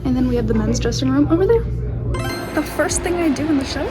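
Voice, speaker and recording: A woman's voice: sits high, lively intonation, fast. A woman chatting informally in a casual backstage vlog as a theatre dresser, with music behind her.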